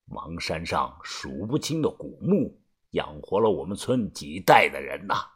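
A man voicing a gruff, ruthless old tomb-raider boss in a low, husky mutter. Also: very animated, unhurried, full character voice. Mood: wistful.

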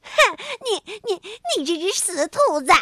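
A woman's voice: high voice, lively intonation, slow, a bit bright, dry recording, clean studio sound, heavily acted. A woman voicing a cheeky little frog in a children's story, stammering and giggly. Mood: angry.

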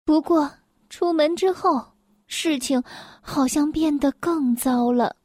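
Bright-voiced woman reading a picture book. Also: high-pitched, dry recording, clean studio sound. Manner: gentle, clear, slow and expressive. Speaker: storyteller.

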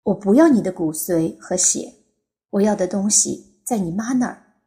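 A woman's voice: mid-range voice, animated, normal speed, mellow, lightly acted. A woman voicing a bold young woman psychologist who is blunt and demanding, speaking curtly and firmly in an audiobook. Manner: curt, firm and cutting. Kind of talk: audiobook character voice.

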